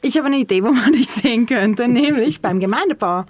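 A woman co-hosting a podcast, her voice sitting a little high. She is playful in the casual chat and keeps steering the guest back on track. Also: lively intonation, fairly quick, darkish tone, no echo. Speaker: podcast co-host.

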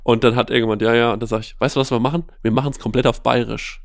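A man, a guest who hosts a film podcast, talking casually and telling animated stories with many fillers. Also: medium pitch, quick pace, creaky, no room sound, studio quality. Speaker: podcast host, guest here. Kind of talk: casual interview chat.

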